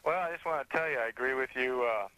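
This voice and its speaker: A man from Arizona calling in to a talk show over the phone, earnest and halting, with many fillers. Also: medium pitch, pushed and bright, dry recording. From Arizona, USA. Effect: heard over a phone line. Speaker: caller. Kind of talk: casual call-in chat.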